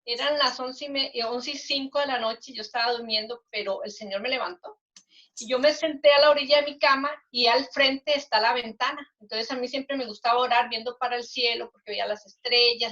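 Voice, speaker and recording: An older woman giving an earnest, halting testimony as an interview guest, with many restarts. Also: fairly high pitch, steady tone, sharp tone. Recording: dull lo-fi recording.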